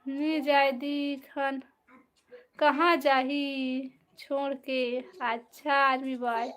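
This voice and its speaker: A woman with a Chhattisgarhi accent hosting a casual live stream, reading out viewer comments and gently telling people off. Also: sits high, little pitch movement, drawn-out words. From Chhattisgarh, India. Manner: reads out and answers viewer comments, scolds gently.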